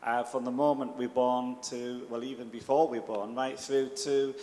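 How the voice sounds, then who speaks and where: Measured pastor in an echoey room. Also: male voice, mid-range voice. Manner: calm, measured, with many fillers. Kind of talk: panel discussion. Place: church hall. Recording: roomy echoey hall, faint background noise.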